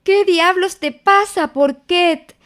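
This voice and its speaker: Storybook boy, calm, brisk questions, raised voice, acted by a woman. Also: very high-pitched, voice pushed up, heavily acted. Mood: puzzled. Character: calm good-natured young boy.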